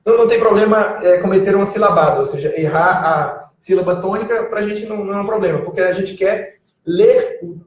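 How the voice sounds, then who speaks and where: A man's voice: high voice, fairly quick, hardly any pauses. A man teaching a Biblical Greek class at a whiteboard, patiently prompting students to read letters aloud. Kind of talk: classroom lesson. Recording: echoey, distant, muffled classroom recording.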